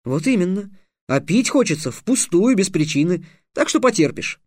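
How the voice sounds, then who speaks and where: A man's voice: high voice, sing-song, moderate pace, a little mellow, dry recording, studio quality. A man voicing a stern, clever teenage squire who lectures curtly. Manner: curt, lecturing.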